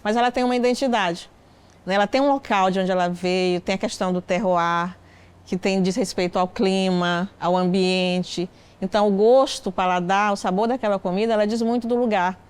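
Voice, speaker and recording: A woman with a smooth, resonant voice speaks as a food expert in a documentary interview. She talks reflectively at a medium pitch and tags her points with "né". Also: steady tone, normal speed.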